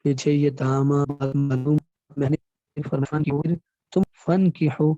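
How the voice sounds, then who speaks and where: A man teaching a slow, word-by-word Quran lesson, his voice cutting out in dropouts over an online connection. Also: a little high, flat delivery, mellow, no echo, lo-fi sound, soft background music. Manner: slow, deliberate explaining of word meanings. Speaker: religious teacher.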